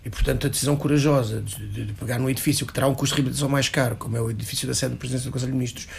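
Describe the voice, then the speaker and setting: A man with a European Portuguese accent and a mid-range voice argues as a local politician on a panel, his intonation fairly even and touched with vocal fry. He talks fast, restarting and repeating words as he insistently pushes his point. There's slight background noise.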